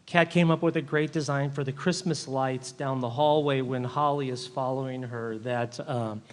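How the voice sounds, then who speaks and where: A man's voice: mid-range voice, steady tone, normal speed, in a large hall. A man, a film editor, talking casually and enthusiastically on a live panel, often restarting his sentences. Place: live event hall.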